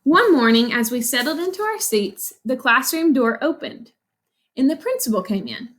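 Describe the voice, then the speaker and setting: With a high-pitched, somewhat bright voice, a woman who teaches elementary school reads a picture book to children at a moderate, animated pace. Her style is instructive: she explains the story and answers her own questions.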